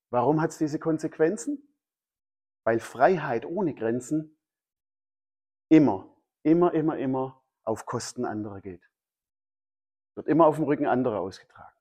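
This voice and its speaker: A man's voice: mid-range voice, unhurried, long pauses, darkish tone. A man preaching a sermon, emphatic and fond of repeating his key phrases. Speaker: pastor.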